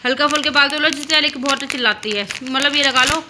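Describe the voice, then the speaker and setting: A woman's voice: sits high, fast talker, noisy background. A young woman at home, chatting casually as a vlogger and mother, telling stories with a teasing manner. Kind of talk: casual home vlog chat.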